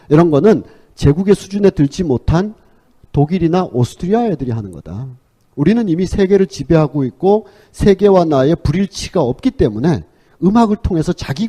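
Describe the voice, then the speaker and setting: Mellow-voiced man giving a chatty lecture. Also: on the high side. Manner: conversational storytelling with frequent fillers. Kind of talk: public lecture on sports and culture.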